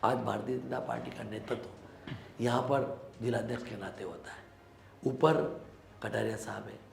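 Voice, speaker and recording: A man's voice: mid-range voice, fairly even intonation, moderate pace, creaky, reverberant, a little hiss or hum. A man from Rajasthan, a local politician, giving earnest, emphatic answers in a sit-down interview.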